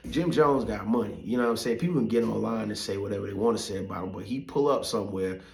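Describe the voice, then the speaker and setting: A man's voice: fairly low pitch, fast, gravelly, a little mellow, roomy sound. A middle-aged man as podcast host, talking in a loose, profane, rambling way with many fillers. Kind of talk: casual monologue.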